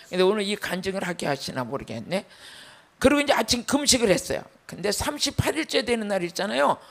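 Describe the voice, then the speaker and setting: An older woman pastor giving a sermon testimony, telling her story in an animated way with loud, emphatic bursts. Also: medium pitch, gravelly.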